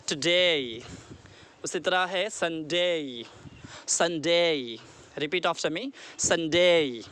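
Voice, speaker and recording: A man from India teaching a basic lesson online, earnestly repeating words slowly for pupils to copy. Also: a little high, bright, forceful tone, a little hiss or hum. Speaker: English teacher.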